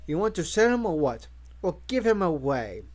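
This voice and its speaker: Man reading a young shop clerk, easygoing, curious, fairly high, lively voice. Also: moderate pace. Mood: friendly. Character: young male pet-store clerk, friendly and curious.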